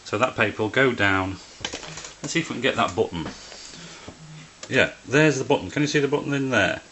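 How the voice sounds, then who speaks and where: A man explains hands-on work in a step-by-step, plain-spoken way for an informal tutorial filmed indoors by a printer. He speaks briskly in a medium-pitched voice that sounds pushed and bright, with a little hiss or hum.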